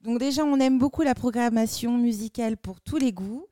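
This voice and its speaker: Mellow-voiced woman culture columnist. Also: fairly high pitch, fairly quick. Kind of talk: casual live radio chat.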